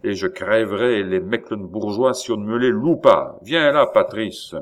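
A man's voice: lowish voice, unhurried, lightly acted. A man voicing an arrogant young viscount who talks in an imperious, mocking, curt way.

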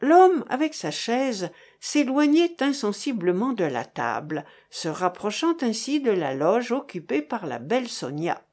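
Slow, expressive woman reading a novel. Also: fairly high pitch. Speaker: narrator.

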